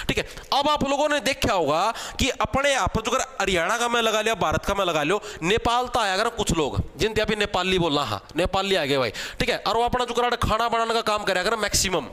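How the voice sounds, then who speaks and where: A man's voice: high voice, a bit bright. A young man with a Haryanvi accent teaching an exam-prep class. He chats and teases, uses joking memory tricks, and keeps checking in with "theek hai". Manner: chatty, teasing, repeats "theek hai" as a check-in.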